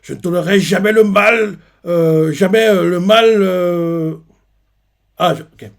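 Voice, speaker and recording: A man's voice: high voice, takes it slowly, pitched above the performer's own voice. A man putting on a raging, tearful giant king. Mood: furious. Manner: shouting, voice breaking with tears. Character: giant king, furious and remorseful.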